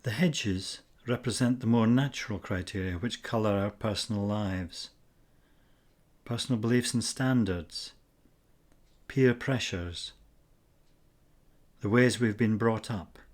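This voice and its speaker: In this scripted guided meditation, a lowish-voiced man gives measured instructions, leaving pauses between his phrases.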